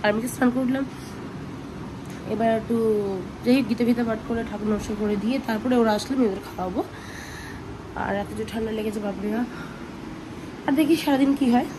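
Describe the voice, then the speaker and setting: A woman's voice: a little high, fast talker, pauses often. A woman, rambling through a casual family vlog at home and often saying "anyway". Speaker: family vlogger, mother of twins. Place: at home, indoors. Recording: noisy home ambience.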